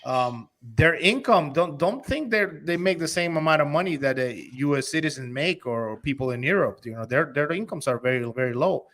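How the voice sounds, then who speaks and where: A man's voice: on the high side, animated, a little fast, few pauses, fairly bright tone. A man from Honduras, an investor and company executive, talking eagerly and persuasively in a casual interview, often restarting his sentences.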